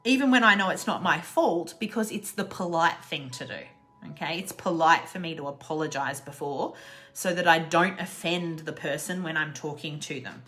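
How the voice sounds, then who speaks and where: Bright-voiced Australian woman teaching English. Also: sits low. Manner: chatty, laughs often, repeats example phrases slowly. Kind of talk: casual online English lesson.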